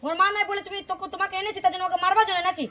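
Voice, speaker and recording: Casting: woman as a fiery protective grandmother, Purulia Bengali accent, rapid high-pitched scolding. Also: flat delivery, bright, forceful tone. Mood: indignant. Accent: Purulia Bengali dialect. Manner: scolding, indignant. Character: protective grandmother, mother-in-law defending her granddaughter. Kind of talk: village home drama acting.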